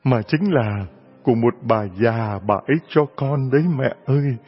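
A man voicing a poor young orphan girl who answers softly and tearfully, pleading, on a dull lo-fi recording. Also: mid-range voice, sing-song, slow, breathy edge, faint music behind, voice pushed down, full character voice.

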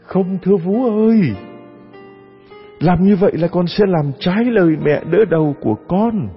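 A man's voice: sits high, normal speed, faint music behind, voice pushed up. A man voicing a polite, trusting young princess who speaks earnestly. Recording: dull audio with long reverb.

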